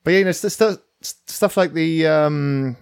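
A man's voice: a little high, moderate pace, creaky, clear, resonant tone, no echo. A man who works as a voice actor, chatting casually on a podcast in a self-deprecating way, often stammering and restarting.

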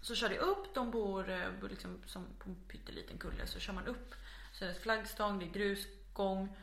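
A woman chatting as a guest on a podcast, telling stories and acting out what people said in a loud, animated way. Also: medium pitch, vocal fry, echoey room. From Småland, Sweden. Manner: lively storyteller, acts out quotes loudly. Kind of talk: casual podcast chat.

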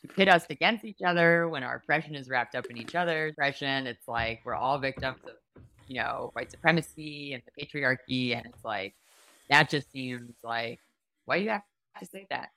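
A woman's voice: a bass voice, normal speed, pushed and bright. A young woman from New York, a comedian talking casually in an interview, giggling and full of fillers. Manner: chatty, giggly, lots of fillers and self-interruptions. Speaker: guest, comedian and performer.

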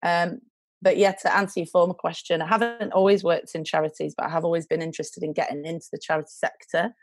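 Lower-pitched young British woman, chatting casually. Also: steady tone, quick pace, dry recording. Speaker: charity worker, podcast guest. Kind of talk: casual chat.

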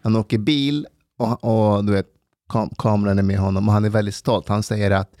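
A man's voice: lowish voice, no room sound, clean studio sound. A man on a podcast, chatting casually and acting out the people he describes as he tells a story. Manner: animated storyteller, acts out quotes. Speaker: podcast host. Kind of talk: casual chat.

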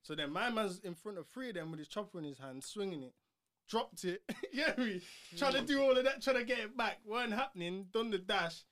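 A young man with a London accent, swapping stories casually with friends in animated, laddish slang peppered with bro, fam and swearing. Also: high-pitched, brisk. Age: young adult. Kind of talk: casual banter and storytelling among friends.

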